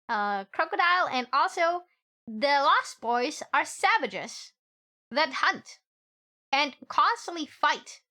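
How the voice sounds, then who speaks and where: High, bright-voiced excitable woman streamer. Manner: fast, excitable talker. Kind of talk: casual live-stream chat while playing a game.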